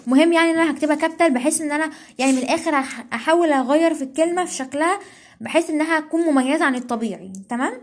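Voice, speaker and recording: A young woman with an Egyptian Arabic accent tutors casually, giving study tips while she writes. Her voice sits high and moves very fast; she constantly checks in with "okay?" and corrects herself as she goes.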